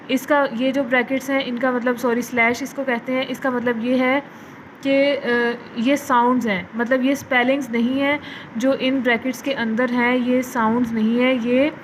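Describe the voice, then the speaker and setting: A woman teacher giving an online English lesson. She reads English words slowly and carefully, then explains them in Urdu-Hindi. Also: a little high, a little hiss or hum, poor audio. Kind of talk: online class lecture.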